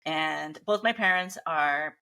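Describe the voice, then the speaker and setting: Slow and sharp-toned, a low female voice belongs to a middle-aged woman whose first language is Spanish. Raised in Los Angeles in a Mexican family, she's a guest in a casual interview, speaking earnestly and in an upbeat way.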